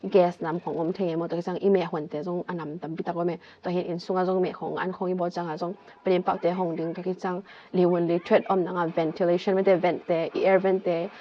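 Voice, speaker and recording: A woman vlogger calmly explaining a health topic, stepping through medical terms one by one. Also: fairly low pitch, drawn-out words, dull audio.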